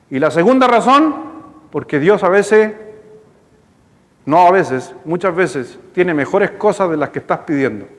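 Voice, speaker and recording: A male pastor with a Chilean accent, preaching a sermon in a lively, storytelling way, speaking to the congregation. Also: high-pitched. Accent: Chilean Spanish. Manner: storytelling, animated, conversational with congregation. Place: church hall. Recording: long hall reverb in church.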